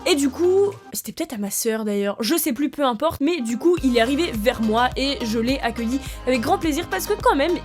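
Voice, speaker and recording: Young woman vlogging about books, chatty and excited, lots of euh, slightly high voice, faint music behind. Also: brisk, hardly any pauses. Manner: chatty and excitable, with many fillers. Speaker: book vlogger. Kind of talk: casual chat to camera.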